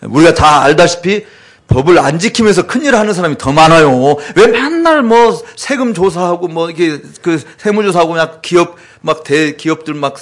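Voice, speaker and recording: A male preacher giving a sermon, animated, acting out quoted voices and putting questions to the congregation. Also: on the high side, moderate pace.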